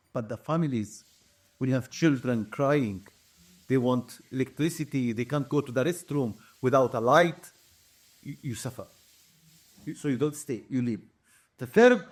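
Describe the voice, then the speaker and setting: Earnest Palestinian Arabic-accented man, higher voice. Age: 40s. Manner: emphatic, lists points one by one, often repeats words. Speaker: activist interviewee. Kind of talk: earnest interview testimony.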